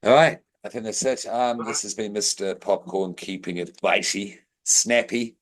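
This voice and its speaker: A man co-hosting a podcast, chatting casually in a jokey, rambling way with bursts of loud excitement. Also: fairly low pitch, moderate pace. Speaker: podcast co-host. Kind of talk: casual podcast sign-off chat.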